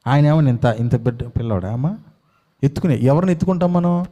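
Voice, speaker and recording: A man's voice: medium pitch, animated, fast talker, warm tone. A male preacher giving a sermon, acting out scenes and throwing questions at his congregation. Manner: dramatic, acts out quotes and fires questions at the congregation.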